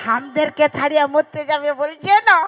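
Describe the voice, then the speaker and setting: A woman's voice: high-pitched, fairly quick, lo-fi sound, natural voice. A woman with a Purulia Bengali accent playing a wife of twenty years, scolding her husband sharply and waving him off on a village comedy stage. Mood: exasperated. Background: loud folk stage music.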